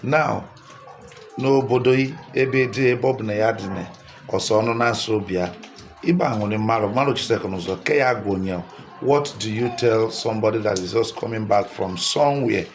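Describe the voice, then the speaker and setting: Low-voiced Nigerian man vlogging. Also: unhurried, a little hiss or hum. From Delta State, Nigeria. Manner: repetitive, engaging, coaxing viewers to comment. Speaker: social media creator. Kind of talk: casual direct-to-camera vlog.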